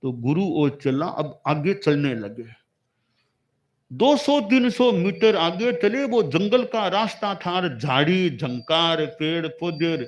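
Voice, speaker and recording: Sex: male. Role: preacher. Style: sermon with a parable. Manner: didactic, slow, with a high, very lively voice. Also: highs cut off. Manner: storytelling, didactic, repeating key words. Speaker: religious preacher.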